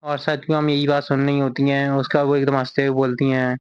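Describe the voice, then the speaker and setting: A man's voice: medium pitch, flat delivery, fairly quick, smooth, dry recording, muffled recording. A man casually retelling a manga chapter as a recap narrator. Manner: reads character lines in the same plain voice.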